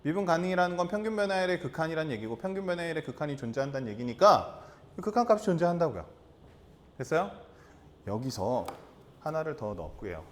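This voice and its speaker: A man teaching a high school math lesson, repeating key terms and asking the class rhetorical questions. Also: very animated, fast. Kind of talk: classroom lecture.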